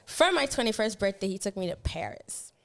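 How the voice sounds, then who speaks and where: A young woman, telling a story in animated, slangy podcast chat. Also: medium pitch, a little fast, vocal fry. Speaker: podcast co-host.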